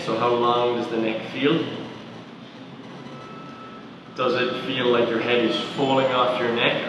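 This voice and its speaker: A man guiding a body scan as a movement coach, asking calm step-by-step questions about each body part. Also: mid-range voice, noisy background. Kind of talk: guided body scan instruction. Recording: echoey roomy sound from far off.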